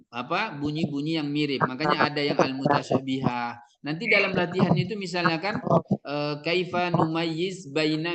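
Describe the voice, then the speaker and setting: Man, Indonesian accent, lecturing trainer, asks and answers himself, somewhat high voice, crowd noise behind. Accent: Indonesian, with Arabic terms. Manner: explains step by step, asks and answers his own questions. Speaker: Arabic teaching trainer.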